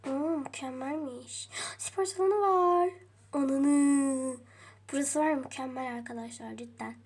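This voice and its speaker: Woman, high voice, chatty, game role-play vlog narration, addresses viewers. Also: moderate pace. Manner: chatty, addresses viewers often, mild swearing.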